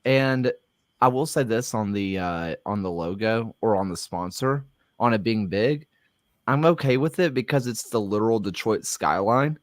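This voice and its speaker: Man co-host, mid pitch, dry close sound, measured opinions. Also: lively intonation, no echo. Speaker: podcast co-host. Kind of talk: casual soccer chat.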